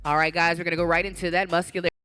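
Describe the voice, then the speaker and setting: A live stage announcer at a physique competition, speaking at a medium pitch. The delivery is directive, made for competitors and audience, over a PA microphone with music playing behind. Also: little pitch movement, rapid-fire, pushed and bright, smooth. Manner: directive, calling out poses to competitors. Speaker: bodybuilding show announcer and emcee. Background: event music.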